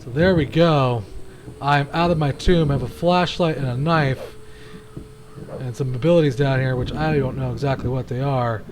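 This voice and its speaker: A man's voice: medium pitch, normal speed, background noise. A man hosting a gaming channel, giving casual, rambling commentary with frequent restarts while he plays.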